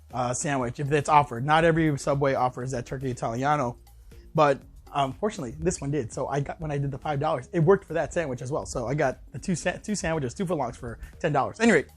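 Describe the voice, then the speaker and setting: A man casually reviewing a fast-food sandwich in a vlog, rambling with lots of fillers and restarts, sometimes talking with his mouth full. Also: fairly high pitch, breathy edge. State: talking while chewing.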